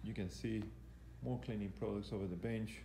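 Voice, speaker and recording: Speaking at a normal speed in a steady, mellow, lowish voice, a male fitness coach gives live commentary on an exercise demonstration. His instructions are halting and repetitive. The setting is an indoor gym, captured on a handheld camera he operates himself, with an echoey room and faint noise behind.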